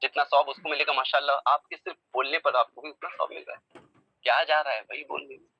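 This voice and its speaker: A man's voice: a little high, fairly even intonation, fast, no room sound, muffled recording. A man teaching a religious text to a class, who keeps asking whether his students have understood and coaxes them to answer. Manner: keeps checking understanding with rhetorical questions; coaxing, prods students to answer. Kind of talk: classroom lecture on theology.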